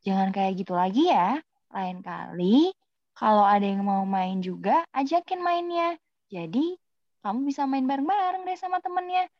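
A woman voicing a mother who gently scolds and coaxes her daughter, in a children's cartoon drama. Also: a little high, animated, moderate pace, no room sound. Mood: coaxing. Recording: dull lo-fi dry recording.

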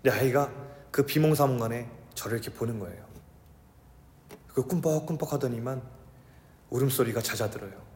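A man in his thirties preaching a sermon as pastor, shifting between urgent raised delivery and soft, hushed storytelling. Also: mid-range voice, fairly quick, long pauses, slight background noise. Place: church sanctuary. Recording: echoey hall with long reverb.

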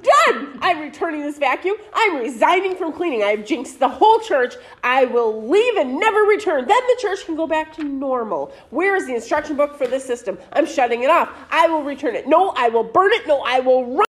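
Woman plays a panicky, self-dramatizing church cleaning head, high and animated. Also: normal speed. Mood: frantic. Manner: frantic, melodramatic. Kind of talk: amateur church skit.

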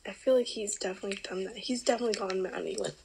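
A woman co-hosting a casual podcast chat in a teasing, excitable, giggly way. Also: medium pitch, rapid-fire, vocal fry, very noisy. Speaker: podcast co-host.

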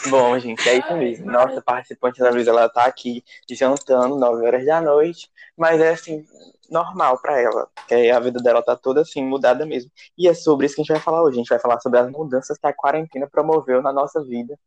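A man's voice: mid-range voice, steady tone, a little fast, rough recording. A man hosting a casual podcast chat, teasing and prodding his co-host.

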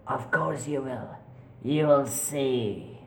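A man voicing taunting voices inside someone's head, mocking and slow, trailing into a whisper. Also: medium pitch, a little mellow. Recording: roomy echo.

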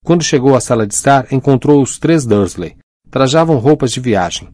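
A man reading a novel aloud as an audiobook narrator, in a measured, expressive way, on a close mic. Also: mid-range voice, no echo. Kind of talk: scripted narration.

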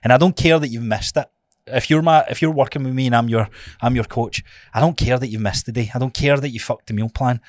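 A man's voice: medium pitch, quick pace, few pauses, dry recording, clean studio sound. A Scottish man co-hosting a fitness podcast as a coach, chatting casually in an informal, sweary, motivational way.

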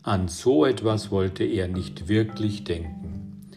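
A man reading a children's book aloud in a calm, unhurried storytelling manner. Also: on the low side, vocal fry, over music. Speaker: audiobook reader.

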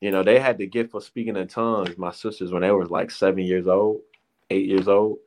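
This guest, a man in his thirties from the Detroit area of the USA, talks loosely about his own life, full of slang and false starts. His low, darkish voice stays fairly even in intonation and runs a little fast. The audio is poor, with a slight hiss or hum.

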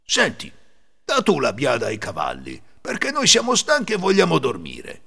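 A man's voice: a little high, wildly swooping pitch, moderate pace, creaky, pushed and bright, slightly rough, big-room sound, voice pushed up, heavily acted. A man voicing bad-tempered male thieves, raised and menacing, in a storytelling reading. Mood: grumbling.

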